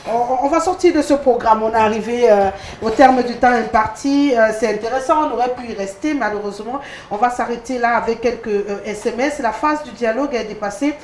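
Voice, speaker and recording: A woman's voice: on the high side, fairly quick, few pauses, a little mellow. Hesitant woman hosting a panel. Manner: hesitant, many fillers. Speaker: host. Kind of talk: TV panel discussion. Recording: echoey studio with faint noise.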